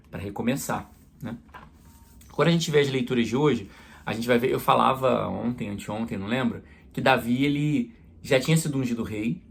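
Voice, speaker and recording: Padre de voz rouca em homilia. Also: male voice, medium pitch, gravelly, slightly rough. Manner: conversational preaching with everyday examples. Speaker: priest.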